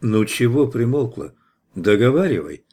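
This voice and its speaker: A man reading an audiobook voices a steady, tough hero who interrogates a captive in a firm, measured way. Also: medium pitch, husky. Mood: pressing.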